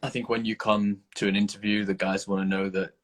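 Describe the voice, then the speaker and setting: Deep-voiced easygoing male podcast host. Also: level tone, fairly quick. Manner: easygoing, hedging with fillers. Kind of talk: casual podcast chat.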